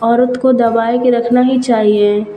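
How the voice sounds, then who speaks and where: A woman's voice: fairly high pitch, level tone, unhurried, highs cut off, natural voice. A woman voicing a meek hunchbacked village wife, speaking in rustic dialect. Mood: earnest. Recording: roomy with faint music.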